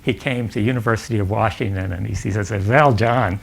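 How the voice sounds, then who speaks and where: An older man giving a physics lecture at a summer school, halting and full of fillers and restarts. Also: lowish voice, steady tone, creaky. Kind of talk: academic lecture. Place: lecture hall.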